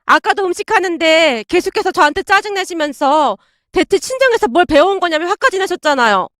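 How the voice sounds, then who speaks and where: A woman's voice: extremely high pitch, sing-song, brisk, fairly bright tone, no room sound, clean studio sound, voice pushed up, heavily acted. A woman voicing a sly, two-faced young wife in a storybook drama, pleading in a whiny, put-upon way. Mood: aggrieved whining.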